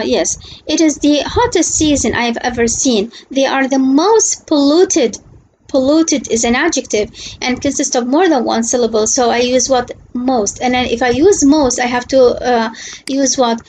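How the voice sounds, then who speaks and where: A woman teaching an English lesson over slides, talking slowly and deliberately, often asking "what?" and checking with "okay?". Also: high voice, darkish tone, a little hiss or hum, poor audio. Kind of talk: slide lecture.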